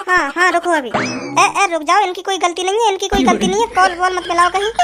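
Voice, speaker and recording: Woman playing a defiant sharp-tongued wife. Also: very high voice, fairly even intonation, a little fast, over loud music. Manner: defiant, scolding.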